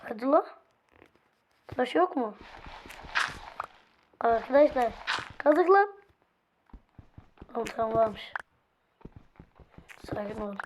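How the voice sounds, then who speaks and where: A woman with a hoarse, fairly high voice talks her way through a game at an unhurried pace. She chats casually with her viewers and with the game's characters. Faint background noise sits under her voice. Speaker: gameplay video host.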